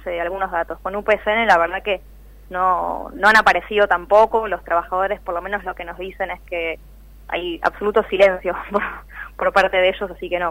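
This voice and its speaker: The interviewee, an activist who keeps track of layoffs, explains things on the radio in earnest, detailed, conversational answers with a Rioplatense Argentine accent. Her mid-range voice is a bit bright. The audio is poor, though without echo.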